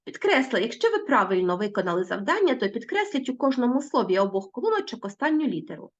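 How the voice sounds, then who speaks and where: A woman teacher giving a recorded lesson to schoolchildren, slowly spelling out sounds and words. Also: fairly high pitch, very animated, dull audio.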